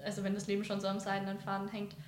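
A woman's voice: mid-range voice, completely flat delivery, very fast, noisy background. Hesitant woman in an echoey room. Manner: hesitant, searching for words, restarts. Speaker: guest sharing a personal recovery story. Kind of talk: candid personal conversation.

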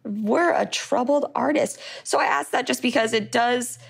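A woman's voice: a little high, normal speed, gravelly, slightly rough. A woman hosting a casual interview over a video call, upbeat and giggly, saying "like" a lot. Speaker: host.

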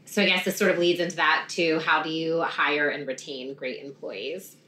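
A woman's voice: sits low, fairly even intonation, normal speed, pushed and bright. A woman hosting an interview, asking questions and affirming her guests in a conversational way. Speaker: podcast host. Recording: echoey room with faint noise.

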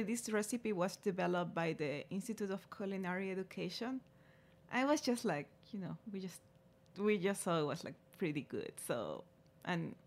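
A woman who founded a food company, answering interview questions in a halting way with many fillers. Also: fairly low pitch, creaky. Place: radio studio.

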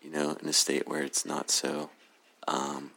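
Very deep, magnetic, gravelly man's voice. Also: completely flat delivery, pushed and bright. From Oklahoma City, USA. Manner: hesitant, halting, laid-back. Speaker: podcast guest, cannabis grower. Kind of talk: casual interview answers.

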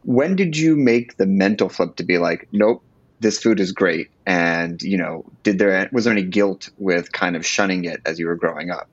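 A man hosting a podcast, asking relaxed, conversational questions. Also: low-pitched, moderate pace, slightly rough, dry recording, muffled recording. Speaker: podcast host. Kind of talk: casual interview.

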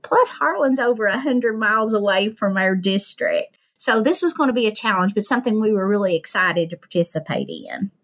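A woman's voice: medium pitch, lively intonation, a little fast, hardly any pauses, fairly bright tone. Folksy woman with an Appalachian Kentucky accent. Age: 50s. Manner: folksy, self-deprecating humour. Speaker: podcast guest, nurse and diabetes educator. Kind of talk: interview talk, telling of own work.

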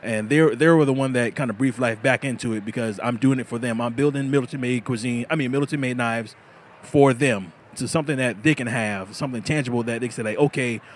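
A bladesmith from South Carolina chats casually in an interview at an outdoor festival, laughing often and repeating words as he gets sentences started. His voice is medium-pitched and fast, with a little hiss or hum in the audio.

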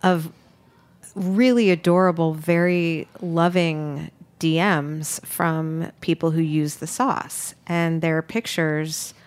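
A woman's voice: low voice, fairly even intonation, slow, clear, resonant tone. A woman hosting a podcast interview, talking in a rambling, hesitant way with many restarts. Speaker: podcast host, food business owner. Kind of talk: casual interview chat.

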